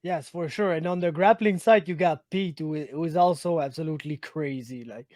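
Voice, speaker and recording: A man from Quebec with a Quebec French accent hosts a casual interview, friendly and chatty, saying "my man" and asking rambling questions. His voice is a little high and darkish, and he talks fairly quickly.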